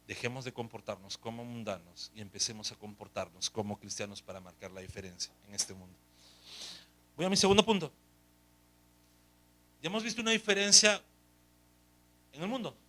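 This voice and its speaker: A middle-aged man, a pastor, preaching a sermon in a lively, joking way full of rhetorical questions. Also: medium pitch, brisk, pauses often. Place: church hall. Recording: echoey room, mic at a distance.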